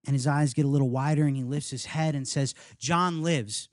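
A man's voice: medium pitch, little pitch movement, quick pace, mellow, no room sound, clean studio sound. Man giving an earnest memoir reading. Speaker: author reading his memoir. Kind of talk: live literary reading. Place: house reading event, indoors.

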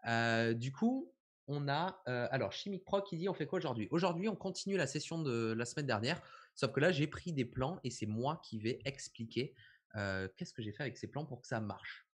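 Husky-voiced man explaining effects. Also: medium pitch, animated, moderate pace. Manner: casual, explanatory, frequent fillers. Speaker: visual effects trainer. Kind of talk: live software tutorial chat.

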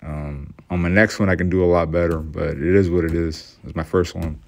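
Man, very low voice, casual voice-over, matter-of-fact, self-deprecating. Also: steady tone, fairly quick, gravelly. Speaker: hobby boat builder.

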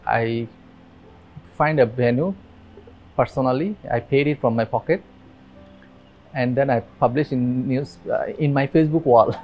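A Bangladeshi man in his thirties, interviewed in a dim room on a lapel mic, telling his story earnestly with halting restarts. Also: medium pitch, a little mellow, soft background music, low-quality recording. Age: 30s. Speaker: interviewee, migrant worker. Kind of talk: documentary interview. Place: dim indoor room with fans.

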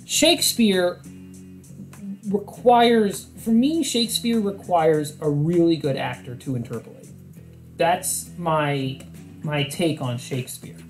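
A man's voice: a little high, expressive, takes it slowly, soft background music. A man hosting a live poetry stream, chatting casually and rambling with frequent restarts and self-corrections.

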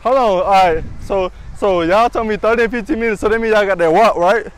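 A man's voice: high voice, fairly quick, poor audio. A young man hosting playful, teasing outdoor street interviews, asking cheeky questions in slangy casual talk with a handheld mic. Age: young adult.

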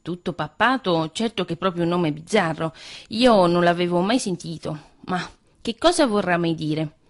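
A woman's voice: lowish voice, lively intonation, moderate pace. A woman voicing a trusting, homebound male mouse in a read-aloud fairy tale, earnest and puzzled.

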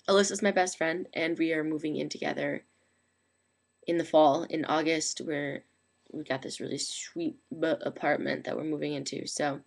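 A young woman with a low voice talks into a webcam at home, chatty and rambling, leaning on "like" and "um". She has the hiccups and keeps trying to hold them down. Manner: chatty, rambling, frequent "like" and "um" fillers. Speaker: vlogger. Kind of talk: casual late-night webcam chat. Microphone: webcam microphone.

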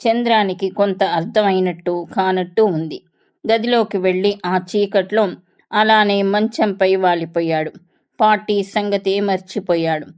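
A woman narrator reading a story aloud in a steady, measured way. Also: mid-range voice, smooth.

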